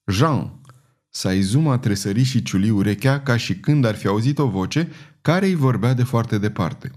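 A man narrating an audiobook in a measured, steady literary reading. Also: mid-range voice. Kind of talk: scripted narration.

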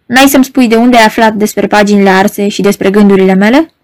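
A woman's voice: medium pitch, natural voice. A woman reading an audiobook, voicing a proud, troubled married woman who speaks in an urgent, pleading, agitated way. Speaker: audiobook reader. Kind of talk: audiobook narration.

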